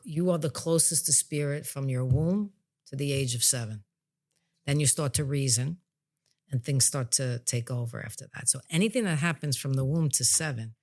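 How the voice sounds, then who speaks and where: Speaking at a moderate pace in a very deep voice, this woman describes her spiritual healing work. A psychic medium and podcast host, she keeps it plain-spoken, casual and conversational.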